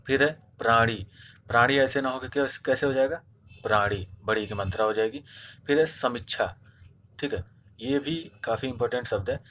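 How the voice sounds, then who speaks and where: A man's voice: medium pitch, a bit bright, a little hiss or hum. A man teaching a spelling lesson for exam preparation, explaining step by step and answering his own questions. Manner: repeats "theek hai" often. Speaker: Hindi teacher. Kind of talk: online exam-prep lesson.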